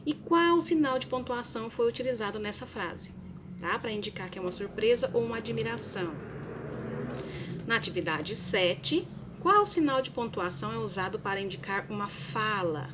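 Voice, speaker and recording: A woman's voice: mid-range voice, animated, normal speed, background noise. A woman, a primary school teacher giving a recorded lesson to children, explaining each task patiently step by step.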